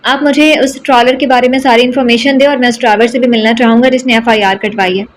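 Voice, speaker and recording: A woman's voice: a little high, fairly even intonation, slight background noise, lightly acted. Woman narrator plays a formal, businesslike senior male investigator in a storybook reading.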